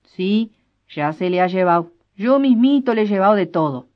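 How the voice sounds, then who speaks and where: A woman voicing a hoarse bossy old patron. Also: mid-range voice, expressive, voice pushed up, close to an everyday voice. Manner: shouting orders, hoarse and slow. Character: gruff bossy older rural patron, hoarse and commanding. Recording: dull lo-fi recording.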